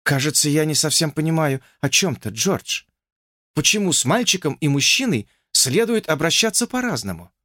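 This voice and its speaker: Casting: a man doing a composed, mocking young woman, lilting and high, dry recording. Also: big pitch swings, normal speed, bright, forceful tone, dry recording, full character voice. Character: teasing, self-assured young woman Lucy.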